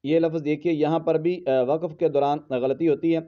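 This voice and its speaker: A man teaching Quran pronunciation in a tajweed lesson, patiently spelling out letters and breaking into slow, drawn-out melodic recitation. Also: a little high, fairly even intonation, lo-fi sound.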